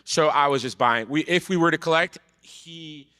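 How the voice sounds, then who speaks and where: A man in his thirties from Brazil, telling his story as a podcast guest in relaxed, casual talk that trails off quietly. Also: fairly high pitch, moderate pace, clean tone. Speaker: podcast guest, card vendor. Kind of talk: casual chat. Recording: live event hall with long reverb.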